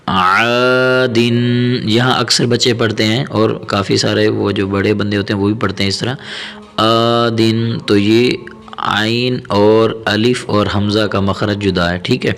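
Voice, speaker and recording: A man teaching Quran reading to children, slowly drawing out syllables and then explaining quickly and patiently. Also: fairly low pitch, steady tone, gravelly, a bit bright, faint music behind. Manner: patient, repeats syllables slowly, then explains rapidly with frequent "theek hai". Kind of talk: tajweed lesson, slow drawn-out recitation alternating with quick explanation.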